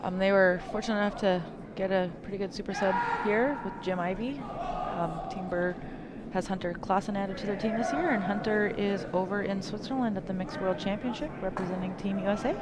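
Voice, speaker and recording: A woman's voice: mid-range voice, brisk. Brief: woman color commentator, hint of Canadian accent, easygoing and talkative, heavy noise behind her. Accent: slight Canadian. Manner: chatty, explains shots with frequent ums. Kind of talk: live sports commentary. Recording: loud background noise at the venue.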